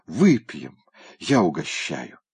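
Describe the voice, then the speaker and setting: A man voicing a drunk, sentimental male cat in an audiobook, hoarse and slurring his drawn-out words. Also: low-pitched, wildly swooping pitch, darkish tone, full character voice. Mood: drunk gushing. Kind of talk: audiobook character voice.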